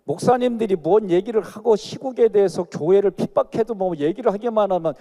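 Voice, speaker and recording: A middle-aged man with a Chungcheong accent preaches in a large sanctuary, his voice high and mellow. His delivery swings up and down as he tells folksy stories and jokes with the congregation. A long church reverb trails every phrase. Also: a little fast. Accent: Chungcheong Korean dialect. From Chungcheong Province, Korea. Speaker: guest pastor. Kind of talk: sermon with personal stories.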